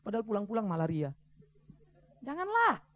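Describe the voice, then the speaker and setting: A man preaching a sermon as a pastor, conversational and lively, acting out other people's voices. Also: high-pitched, normal speed. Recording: dull lo-fi sermon recording.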